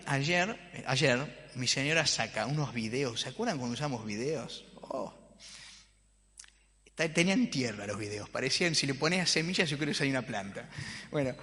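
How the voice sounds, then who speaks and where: Animated Rioplatense pastor preaching in a church hall. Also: male voice, medium pitch. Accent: Rioplatense Spanish. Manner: lively preacher, rhetorical questions to the congregation, playful humor. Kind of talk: sermon. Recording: church hall with long reverb.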